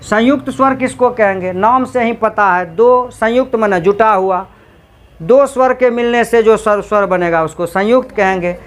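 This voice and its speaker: A man teaching a class, quizzing students with repeated questions and drawing out sounds slowly to demonstrate them. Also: high voice. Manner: slow, drawn-out sound demonstrations. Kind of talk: classroom grammar lecture.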